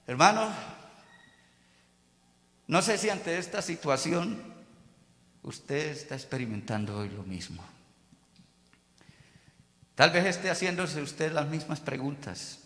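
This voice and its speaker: A man preaching a sermon as pastor, swinging between loud drawn-out calls and quiet asides. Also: fairly high pitch, big pitch swings. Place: church service. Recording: echoey church hall.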